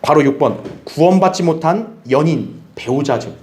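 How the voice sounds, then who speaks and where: A man pastor teaching a Bible study, animated, asking the congregation questions and acting out what others might say. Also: fairly high pitch, moderate pace. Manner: animated, acts out others' remarks in a raised voice; asks the audience questions. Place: church hall.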